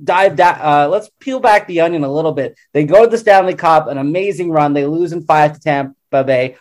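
A man's voice: fairly high pitch, a little mellow. A man giving conversational sports analysis as a panel guest. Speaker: panel guest, hockey commentator.

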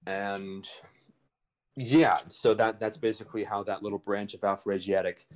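A man's voice: fairly low pitch, little pitch movement, a little slow, poor audio. A man guest on a chat podcast, explaining language history in a casual, irreverent, slangy way over a video call.

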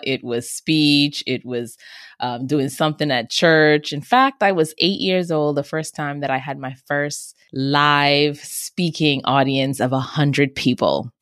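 A woman from the Bahamas, a communications trainer, telling her story as a guest in an energetic, expressive way. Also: low voice, dry recording, studio quality. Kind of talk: interview conversation.

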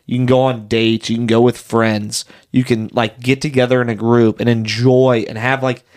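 A man's voice: medium pitch, little pitch movement, moderate pace, a little mellow. A man co-hosting a casual podcast, telling stories in a rambling, enthusiastic way. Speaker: podcast co-host. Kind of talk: casual chat.

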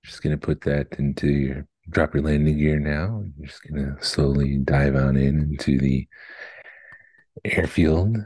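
A man playing a joking airline pilot, giving calm mock cockpit announcements on a podcast. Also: a bass voice, a little slow, breathy edge, dry recording, voice pushed down, heavily acted. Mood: calm, announcing. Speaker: podcast co-host. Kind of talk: casual podcast chat.

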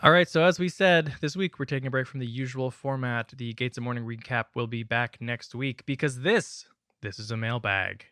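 A man's voice: mid-range voice, normal speed, bright, forceful tone, no echo. Man hosting, dry close sound. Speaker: podcast co-host. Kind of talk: casual gaming podcast chat.

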